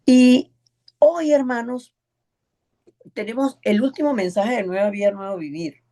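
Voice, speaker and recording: Preacher, sermon, gravelly voice, emphatic repetition, mid pitch. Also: measured pace, mellow. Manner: emphatic, repeats words for stress; acts out the voices in a story. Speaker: preacher teaching an evangelism class.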